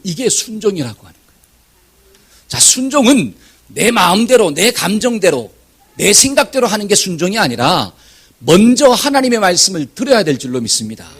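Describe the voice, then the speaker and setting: A man's voice: high-pitched, breathy edge. A man preaching a Sunday sermon to his congregation. He often asks them questions and guides them through reading scripture aloud. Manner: lively, animated delivery with shouted examples. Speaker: pastor. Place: church sanctuary.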